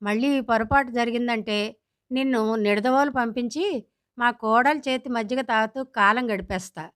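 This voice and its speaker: A woman's voice: on the high side, moderate pace, fairly bright tone, dry recording, studio quality, lightly acted. A woman reading the lines of a retired elderly father-in-law who lectures his family firmly. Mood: stern. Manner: firm, lecturing.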